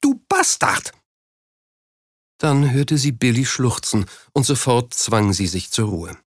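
A man narrating an audiobook in an even, steady storytelling manner. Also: mid-range voice, measured pace, no echo, studio quality. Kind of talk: scripted narration.

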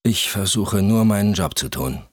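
A man voicing a calm, firm private investigator in an audiobook. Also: lowish voice, moderate pace, no room sound, studio quality, pitched above the performer's own voice.

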